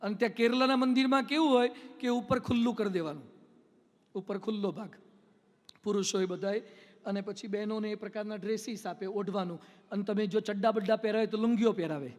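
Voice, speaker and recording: High-voiced monk preaching in a hall. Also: male voice, steady tone, fast. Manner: storytelling, playful, mimics people. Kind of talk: humorous sermon with anecdotes. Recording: long hall reverb.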